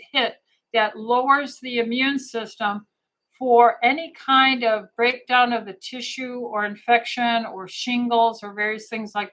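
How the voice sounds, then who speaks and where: A woman's voice: fairly high pitch, fairly bright tone, low-quality recording. A middle-aged woman physician answering viewer questions on a live stream, talking in a casual, hesitant way with many fillers, restarts and heartfelt asides.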